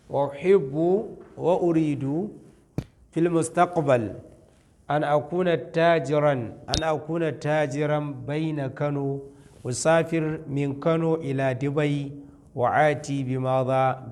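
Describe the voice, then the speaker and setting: A man, a Hausa speaker, teaching an Arabic lesson. He repeats each phrase slowly and then explains it. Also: medium pitch, darkish tone. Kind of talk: classroom-style language lesson.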